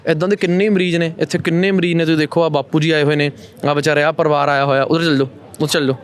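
A man's voice: a little high, flat delivery. A man with a Punjabi accent who runs a charity, appealing to viewers and talking with patients in a busy office. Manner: fast, earnest, repeats comforting phrases. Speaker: NGO founder and host.

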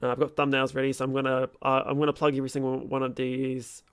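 A man, chatting informally and haltingly about games as a streamer, swearing casually. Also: mid-range voice, completely flat delivery, clean tone, dry recording, clean studio sound. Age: 20s. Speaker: streamer and host of a gaming series. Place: small room at home. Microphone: close desk microphone.

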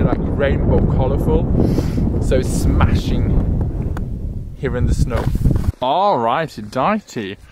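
A man's voice: fairly high pitch, very noisy. Playful young Norwegian man vlogging. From Norway. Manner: playful, laughs often, chatty. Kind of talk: casual vlog chat. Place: wooden cabin indoors, then snowy mountains outdoors.

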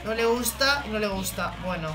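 A woman with a Spain Spanish accent giving excitable let's-play commentary, full of squealing exclamations. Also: mid-range voice, brisk. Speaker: gaming YouTuber. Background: game music.

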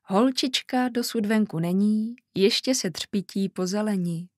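A woman voicing a gentle, caring young mother in a storybook, soothing and mildly scolding. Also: medium pitch, no echo, clean studio sound, natural voice.

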